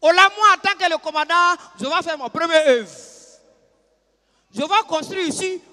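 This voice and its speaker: A man's voice: very high-pitched, moderate pace, long reverb tail, pitched above the performer's own voice, full character voice. A man playing a pompous camp commander. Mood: proclaiming. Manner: loud, self-important proclamations.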